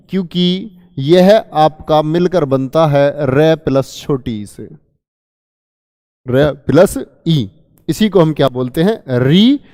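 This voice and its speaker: Male teacher, high voice, quizzes then answers himself, dry close sound, long reverb tail. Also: a little mellow. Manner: asks students questions and answers them himself; calls listeners children. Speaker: Hindi teacher. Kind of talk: exam-prep grammar lesson.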